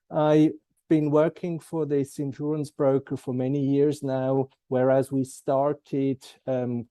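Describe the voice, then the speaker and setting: A man, giving formal, measured answers as an interview guest. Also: medium pitch, dark tone, dry recording. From German-speaking Switzerland. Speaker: guest, compliance expert.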